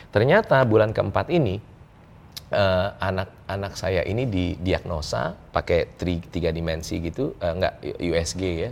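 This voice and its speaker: A middle-aged man, a guest telling a personal story in an interview, animated and quick to laugh. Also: fairly low pitch, creaky, slight background noise. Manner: animated, laughs often, acts out dialogue.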